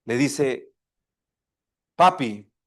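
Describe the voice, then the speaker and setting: A man's voice: mid-range voice, expressive, extremely slow. A man preaching a sermon, asking his congregation questions and acting out a dialogue between a father and his child. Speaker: pastor.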